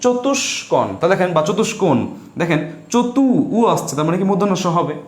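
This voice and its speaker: A man's voice: sits high, animated, a little fast, reverberant. A man teaching an online spelling class, asking questions and answering them himself in a patient, drilling way. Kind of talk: live class lecture.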